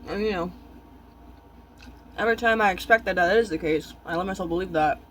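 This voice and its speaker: High-pitched young man talking with mouth full. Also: fairly bright tone, a little hiss or hum, poor audio. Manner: musing, halting, drifting between short thoughts. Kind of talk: casual chat while eating, mukbang.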